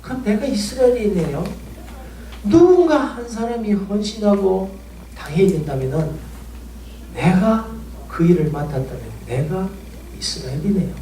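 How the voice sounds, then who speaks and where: A man preaches a sermon, telling an emotional story and piling up pleading rhetorical questions. His voice sits high for a man. The sound is roomy and a bit distant, with a faint room ambience behind him. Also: a little mellow, a little hiss or hum. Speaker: pastor.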